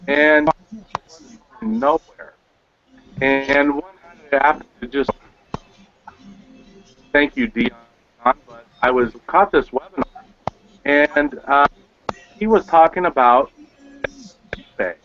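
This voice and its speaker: A man sharing his testimony over a glitchy internet call whose audio keeps breaking up and dropping words. He speaks in halting, fragmented sentences. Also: mid-range voice, highs cut off. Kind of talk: casual spoken testimony.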